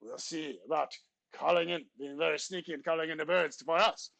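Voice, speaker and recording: A man's voice: a little high, brisk, creaky, very noisy. A man teacher voicing a pompous French substitute teacher in a put-on, exaggerated French accent, reading class announcements in stiff, formal phrasing. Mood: theatrical. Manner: formal, stilted phrasing with theatrical flourishes. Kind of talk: comic class announcements in character.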